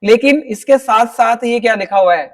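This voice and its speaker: A male teacher with an extremely high-pitched voice, recorded from a distance, gives a classroom-style spelling lesson. He explains slowly and step by step, often using tag questions to check that his students are following.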